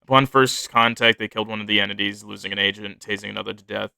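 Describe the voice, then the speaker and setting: Creaky, bright-voiced man. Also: lowish voice, steady tone, fast talker, dry recording. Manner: rambling, self-correcting, swears freely. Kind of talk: casual chat, reading his own fiction notes aloud.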